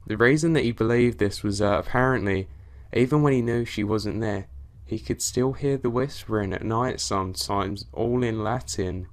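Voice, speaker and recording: A man with a fairly low voice narrates horror stories sent in by readers. He reads from a script and keeps his delivery steady and even from one line to the next. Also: normal speed.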